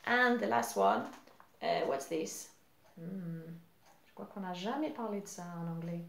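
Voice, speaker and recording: A woman whose first language is English leads a children's English lesson, stretching out each word slowly and patiently. Her voice sits at an ordinary middle pitch. The sound carries the echo of a reflective room. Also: creaky, a little hiss or hum. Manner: slow, patient, drawn-out teaching voice switching between French and English. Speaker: English teacher. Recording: echoey room.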